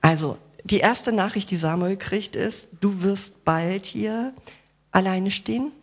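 A woman delivers a sermon directly to her congregation, using rhetorical questions, playful asides, and gentle reassurance. Her medium-pitched voice moves slowly and carries a breathy edge.

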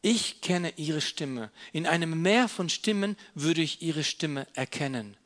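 A man's voice: fairly high pitch, lively intonation, a little slow, a bit bright. Earnest man preaching an object lesson. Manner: explains while handling props; earnest, repeats key phrases.

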